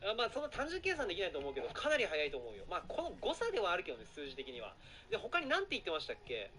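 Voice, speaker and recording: A man chatting casually on a live stream, excitable and rambling, often apologizing for being too loud. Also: sits high, very fast. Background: background music.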